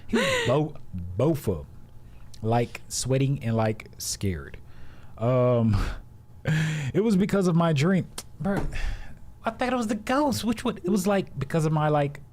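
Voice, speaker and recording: A man's voice: a little high, animated, unhurried, long pauses, a little mellow, a little hiss or hum. A man co-hosting a casual talk show, reading a listener's story aloud with jokes and stumbling asides. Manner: joking, loose, reads with stumbles and asides. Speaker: podcast co-host reading listener stories.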